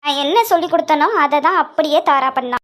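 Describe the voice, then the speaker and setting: A woman voicing a worried young wife in a family cartoon drama, high and childlike, often close to tears. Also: quick pace, a bit bright, soft background music. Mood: reproachful. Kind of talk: cartoon voice acting.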